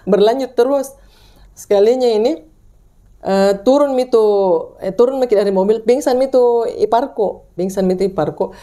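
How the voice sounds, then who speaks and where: Lady rambling thru a ghost story, soft warm voice. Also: moderate pace. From Indonesia. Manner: rambling, full of restarts, acts out voices in high pitch. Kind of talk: casual ghost-story telling.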